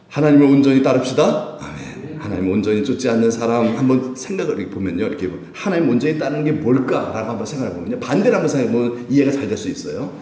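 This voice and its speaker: A middle-aged male pastor preaching a sermon at a midweek prayer service, lively and playful, acting out voices and laughing as he speaks. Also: medium pitch, echoey room. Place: church sanctuary.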